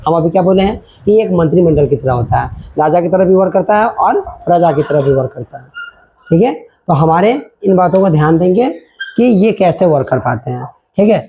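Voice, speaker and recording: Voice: mid-range voice, expressive, moderate pace, mellow, slight background noise, rough recording. A teacher giving a children's grammar lesson, repeating points and checking in often while mixing in English words.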